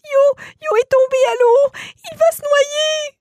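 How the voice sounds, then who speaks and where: A woman voicing a young boy in a read-aloud storybook, with high childlike cries. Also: steady tone, slow pace, darkish tone, no room sound, studio quality, full character voice. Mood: panicked. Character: young boy, frightened then wonder-struck.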